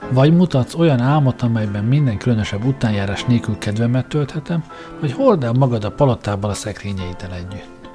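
A man's voice: medium pitch, lively intonation, over music, lightly acted. A man doing a bossy, spoiled machine king. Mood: demanding.

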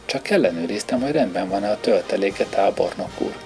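A man's voice: deep voice, animated. A man reading the part of a sarcastic, bullying drum major in an audiobook, with music playing underneath. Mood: mocking. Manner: taunting, sarcastic.

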